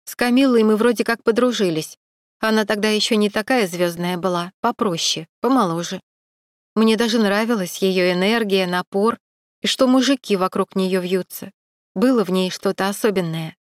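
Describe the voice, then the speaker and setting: A woman's voice: medium pitch, normal speed, no echo, lightly acted. A woman reading the part of a divorced woman who frankly and ruefully confides a husband's betrayal, in a dry close recording. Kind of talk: audiobook dialogue.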